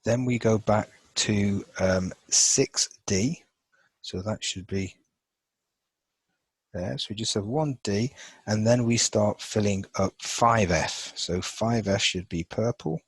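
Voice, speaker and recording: A man with a lowish, slightly husky voice walks through a chemistry lesson, thinking aloud as he marks up a chart. He talks in a loose, unscripted way, full of fillers and restarts. The sound is dry and close. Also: slow pace, no echo, poor audio. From England. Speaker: chemistry teacher. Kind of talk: informal lesson over a drawn screen.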